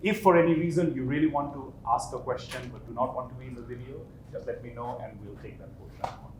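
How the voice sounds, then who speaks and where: A man's voice: mid-range voice, fairly even intonation, fast. A man acting as event moderator, giving brief, practical announcements with fillers. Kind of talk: event introduction. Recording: roomy, distant, noisy hall.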